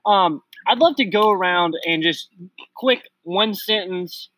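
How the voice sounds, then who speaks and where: Male co-host, slightly high, bright voice, joking and chatty, dry close sound. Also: slow, no echo, rough recording. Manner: joking, self-deprecating, leads the questions. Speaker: podcast co-host. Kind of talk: casual chat. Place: home, at night.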